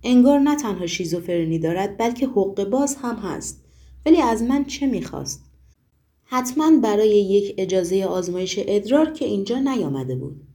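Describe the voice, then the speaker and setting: A woman's voice: mid-range voice, expressive, dark tone, lightly acted. A woman voicing a stern, dry-spoken older male doctor in a storybook reading, curt and firm. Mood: muttering.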